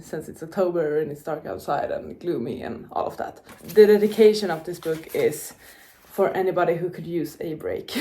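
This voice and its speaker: A young woman vlogging about books talks to the camera in a bright, casual way, with fillers and self-corrections; Czech is her native language. She speaks in a lowish voice with a dark tone.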